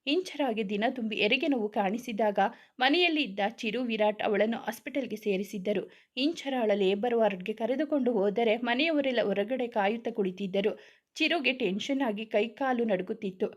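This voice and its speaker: A woman storyteller narrating a romance serial aloud, reading in a steady, even pace. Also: on the high side, moderate pace.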